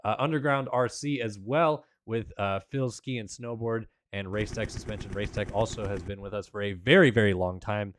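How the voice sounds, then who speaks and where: Here a man's voice, still recovering after being lost, gives cheerful announcer-style play-by-play of an esports race along with sponsor mentions and plugs. He speaks at a moderate pace in a lowish voice with hardly any pauses, over a noisy background.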